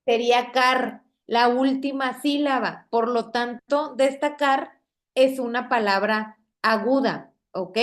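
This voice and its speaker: In a classroom equipped with a projector screen, a fairly high-pitched female teacher with a Mexican Spanish accent explains spelling and stress. She goes slowly and patiently, asking "¿ok?" after nearly every sentence to check on her students.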